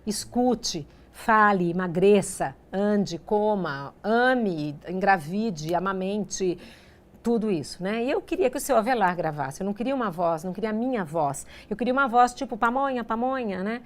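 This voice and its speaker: A woman's voice: medium pitch, lively intonation, measured pace. Brazilian woman telling anecdotes in a talk. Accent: Brazilian Portuguese. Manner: conversational, acts out dialogue, frequent tag questions. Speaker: artist giving a course talk. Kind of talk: lecture with anecdotes.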